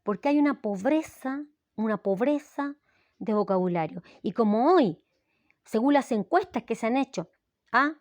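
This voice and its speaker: Woman, Chilean accent, teacher, explanatory lesson tone, somewhat high voice. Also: animated, normal speed, no room sound. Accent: Chilean Spanish. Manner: explanatory, with frequent "¿ya?" check-ins. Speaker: language teacher. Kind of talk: recorded lesson.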